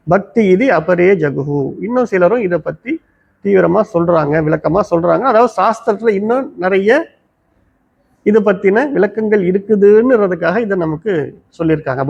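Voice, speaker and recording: A man with a Tamil accent giving a Vedanta discourse in an ashram, explaining step by step and slowly chanting Sanskrit verses. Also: sits high, vocal fry, dull audio. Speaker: Vedanta teacher. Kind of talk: spiritual discourse. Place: ashram teaching hall.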